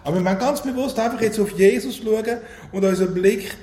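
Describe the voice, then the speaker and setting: A man's voice: sits high, brisk, warm tone, a little hiss or hum. A man with a Swiss German accent preaching a sermon in a chatty way, often asking his congregation questions. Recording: roomy hall with faint ambience.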